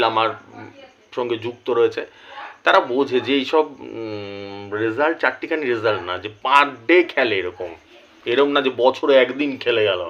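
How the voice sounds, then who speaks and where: A man who is unwell with a headache, talking slowly and carefully straight to camera as a lottery tipster and repeating his numbers. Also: medium pitch, a bit bright, muffled recording. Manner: slow, careful speech, repeating figures. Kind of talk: direct-to-camera talk.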